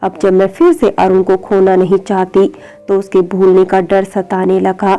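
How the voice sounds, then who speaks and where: A woman's voice: medium pitch, flat delivery, measured pace, warm tone, faint music behind, lightly acted. A woman voicing an anxious young wife who pleads through tears. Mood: despairing. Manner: pleading, tearful.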